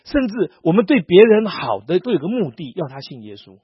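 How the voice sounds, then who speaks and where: A man's voice: high-pitched, fairly quick, breathy edge, no echo. A middle-aged pastor from Taiwan, preaching a sermon and acting out dialogue as he tells stories. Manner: animated storytelling, acting out dialogue. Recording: dull lo-fi sound.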